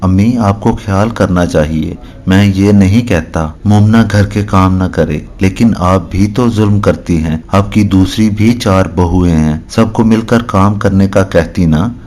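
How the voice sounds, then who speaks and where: Man reading a sweet soft-spoken young husband, low calm voice. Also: unhurried, hardly any pauses. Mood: tender. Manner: soft, tender. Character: gentle loving young husband.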